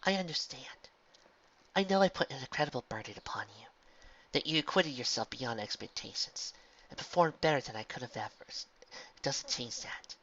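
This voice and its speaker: Kind, regal mare princess, played by a male reader: soft, hushed, sorrowful warmth; storybook reading, dull recording. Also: mid-range voice, normal speed. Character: gentle, regal female alicorn princess and mentor.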